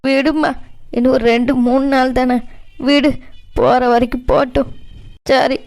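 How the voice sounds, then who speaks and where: A weary middle-aged mother who works as a housemaid, from a family cartoon, voiced by a woman. She speaks in a flat, even and resigned way. Her voice stays gentle and a bit high. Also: unhurried, gravelly. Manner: tired, resigned, tender. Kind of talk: cartoon voice acting.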